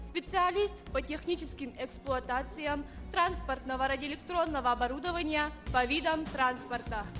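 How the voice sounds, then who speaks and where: A woman's voice: high voice, sharp tone. A woman in her early twenties giving a formal, rehearsed self-introduction as a pageant contestant. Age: 20s. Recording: reverberant hall, faint music.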